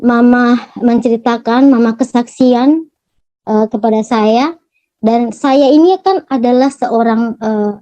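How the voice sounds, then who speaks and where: A young woman from Gorontalo giving a personal religious testimony, speaking haltingly with many fillers and restarts. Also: on the high side, warm tone, dry recording, poor audio. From Gorontalo, Indonesia. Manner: addresses listeners as "Saudara". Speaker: testimony giver.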